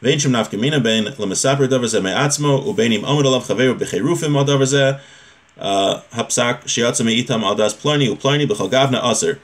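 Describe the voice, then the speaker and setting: In a small home room with a bookshelf, a man gives an informal religious lesson, reading a text and explaining it in a conversational manner. He often checks in with rhetorical questions, and his mid-range voice moves very fast.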